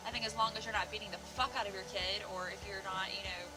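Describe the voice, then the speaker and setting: Fast and steady in tone, with background noise, a mid-range voice belongs to a woman in her twenties who hosts a parenting discussion vlog. Seated in a group indoors, a few feet from the camera, she gives a casual, opinionated rant, blunt and emphatic and full of swearing.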